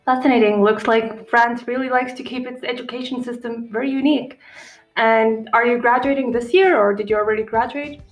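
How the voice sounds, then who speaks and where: A woman's voice: a little high, fairly even intonation, a little fast, dull audio. A woman from Estonia asking casual interview questions on a radio show. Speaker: volunteer guest asking questions. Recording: echoey room, faint music behind.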